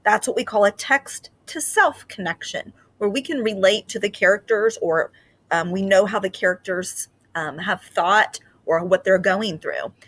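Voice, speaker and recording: A woman teacher gently and patiently explains reading ideas to children, using frequent fillers, then reads a picture book aloud with expression. Her voice is medium-pitched and unhurried.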